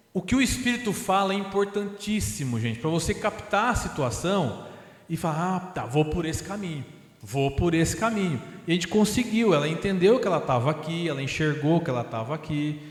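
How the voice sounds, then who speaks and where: A man with a Brazilian Portuguese accent gives a lively seminar talk, often retelling dialogues in quotes, in the large hall of a spiritist center. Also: high-pitched, fairly quick. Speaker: seminar speaker. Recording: roomy hall with long reverb.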